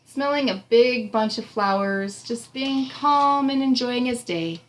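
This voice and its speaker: A woman in her thirties reads a picture book aloud to a child in a small indoor room, chatting encouragingly, explaining things and asking questions. Her voice is a little high and a little slow. The home recording is noisy, with room ambience.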